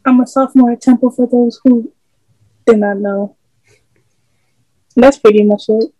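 A woman's voice: a little high, fairly even intonation, unhurried, dark tone, dry recording, rough recording. A young woman from the Philadelphia area, a guest on a video-call panel, who answers briefly and matter-of-factly. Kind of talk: casual chat.

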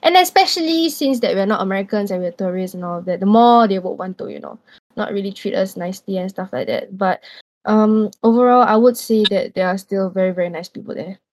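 A woman's voice: medium pitch, fairly quick, darkish tone, dry recording. A young woman in her twenties with a Singaporean English accent, telling a story in a loose, rambling way on a casual podcast.

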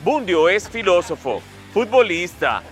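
A man's voice: high voice, sing-song, measured pace, soft background music. A man hosting a casual sports podcast, needling his co-host with teasing questions.

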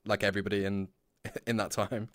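A man's voice: fairly low pitch, flat delivery, fairly quick, a bit bright, no room sound. A man in his twenties hosting a podcast in casual chat, laughing often and swearing as he rambles. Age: 20s. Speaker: podcast host.

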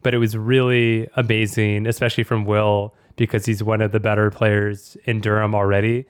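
A man's voice: lowish voice, flat delivery, normal speed, clean tone, dry recording, clean studio sound. A man hosting a podcast in a casual, fluent, talkative way. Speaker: podcast host.

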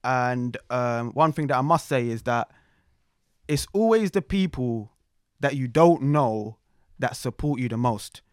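A young man with a London roadman accent hosting a talk show in animated slangy chat, repeating phrases for emphasis. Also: mid-range voice, measured pace, smooth, no echo, clean studio sound. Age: young adult.

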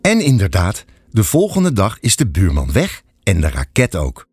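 Expressive, husky male storyteller. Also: deep voice, normal speed, dry recording, faint music behind. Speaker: audiobook narrator. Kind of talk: scripted storybook narration.

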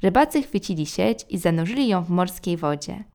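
A woman narrating a children's storybook in a gentle, measured way. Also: lowish voice, animated.

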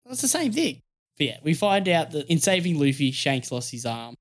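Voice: mid-range voice, big pitch swings, moderate pace. A podcast co-host eagerly recapping a story in a casual, giggly way.

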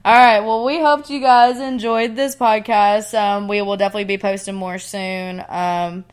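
A woman in her twenties chats as a podcast co-host. She has an Appalachian Tennessee accent and a medium-pitched voice, and talks in a folksy, slangy, salty way. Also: steady tone, moderate pace, clean tone. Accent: Southern US, Appalachian Tennessee. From Tennessee, United States. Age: 20s. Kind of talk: casual chat.

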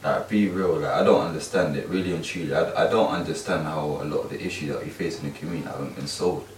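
Deep-voiced London man, roomy sound. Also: quick pace. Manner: slangy, street-talking, emphatic. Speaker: youth mentor and course teacher. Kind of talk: casual chat. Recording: roomy, distant mic, faint background noise.

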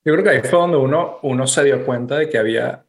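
A man from Venezuela with a Venezuelan accent, co-hosting a casual chat and telling stories with animated, casual swearing. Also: medium pitch, fast talker, vocal fry, echoey room. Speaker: podcast co-host.

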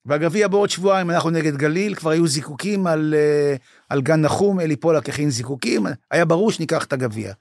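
A man's voice: fairly high pitch, no room sound, clean studio sound. An older man, a former basketball club manager, telling stories in an interview, acting out quoted dialogue and getting moved as he goes. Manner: animated storyteller, acts out quoted dialogue; emotional, says he is moved. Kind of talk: storytelling in a podcast interview.

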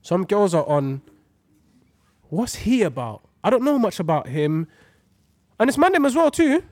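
Animated London roadman, young man. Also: high-pitched, unhurried, dry recording. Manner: animated, emphatic, repeats points for effect. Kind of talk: casual chat with slang.

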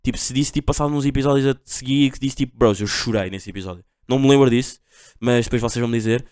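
Fast-talking young Portuguese podcaster guy. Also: mid-range voice, level tone, darkish tone, smooth, no room sound, studio quality. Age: young adult. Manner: rambling, slang-heavy, constant fillers. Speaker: podcast host. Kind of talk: casual solo podcast monologue.

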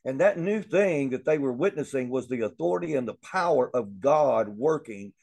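A man leads a Bible lesson in an earnest, conversational way. His voice sits at an ordinary middle pitch. He often repeats a word or restarts a phrase while he works out his thought. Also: lively intonation, moderate pace, gravelly, darkish tone. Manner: earnest, repeats words while thinking aloud. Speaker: Bible teacher. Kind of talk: Bible teaching.

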